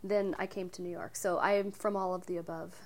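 A woman's voice: fairly low pitch, little pitch movement, fairly quick, slight background noise. A woman, a musician guest answering questions in an easygoing way and explaining at length. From Salem, Oregon. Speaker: guest, bass and cello player. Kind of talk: casual interview.

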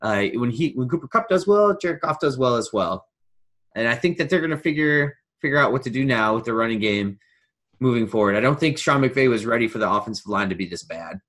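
A man's voice: mid-range voice, animated, a little fast, fairly bright tone. A man co-hosting a casual sports podcast, thinking aloud and weighing his options. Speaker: podcast co-host.

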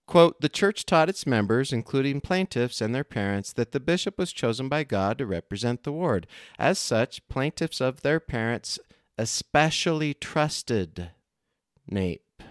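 A man hosting a podcast in a casual, easygoing way. His voice is smooth and clear, recorded dry and close. He laughs easily and reads news items in a plain, conversational tone. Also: mid-range voice, expressive, a little slow, no echo. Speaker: podcast co-host.

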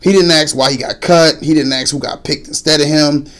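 A man with a plain, mid-pitched voice tells coaching stories in a loose podcast chat. He slips into the voices of the parents he is quoting. The delivery stays relaxed and conversational. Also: fairly quick. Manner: storytelling, acts out parents' voices. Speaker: basketball coach, co-host.

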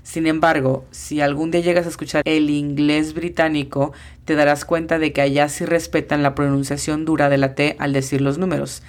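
A woman's voice: sits low, level tone, normal speed, few pauses. A woman teaching an English lesson in a podcast, patiently spelling out pronunciations letter by letter.

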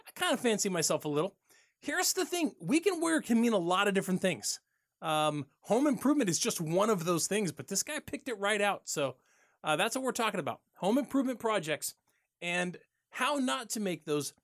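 A man co-hosting a home improvement radio show in a studio, chatting casually and laughing easily. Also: sits high.

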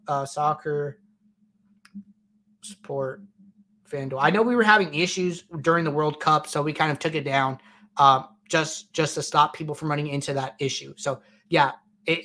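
A man with a somewhat raised voice hosts a casual live-stream question session. He explains things in a relaxed, rambling way, often pausing on fillers and restarting his sentences as he reads out viewers' questions. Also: on the high side. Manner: loose and chatty, many fillers and restarts. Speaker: host answering viewer questions.

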